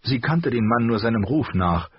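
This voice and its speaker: A man narrating an audiobook with a steady, measured reading. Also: mid-range voice, breathy edge, no echo. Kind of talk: scripted narration. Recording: slightly dull, dry audio.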